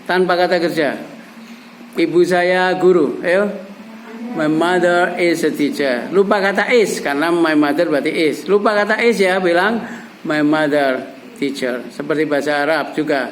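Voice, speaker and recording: A man's voice: fairly high pitch, low-quality recording. Middle-aged guy teaching english, keeps nudging students w questions, bit of faint noise behind. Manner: coaxing, repeats examples and prompts students with questions. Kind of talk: classroom language lesson.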